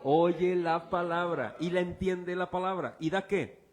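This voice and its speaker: Man, high-pitched, pastor's sermon, informal, asks the crowd to finish his sentences. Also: steady tone, a little slow. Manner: quizzes the congregation with fill-in-the-blank questions; informal and joking, uses object illustrations.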